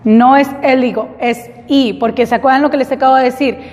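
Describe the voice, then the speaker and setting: A woman English teacher giving a classroom lesson in Spanish, drilling students slowly and clearly with repeat-after-me prompts. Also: high-pitched, fairly even intonation, darkish tone, big-room sound.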